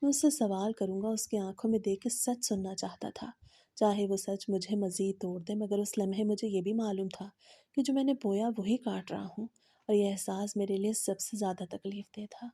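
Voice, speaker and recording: Dark, husky woman narrating a story. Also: medium pitch, steady tone, no room sound, studio quality. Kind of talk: scripted first-person story narration.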